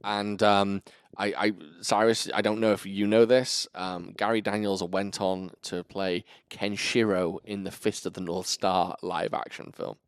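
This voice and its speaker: Male podcast host, deep-ish voice, dry close mic, swears a lot. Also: unhurried, smooth, dry recording. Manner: animated, profane, jokey. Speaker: podcast host reviewing a film. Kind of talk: casual chat.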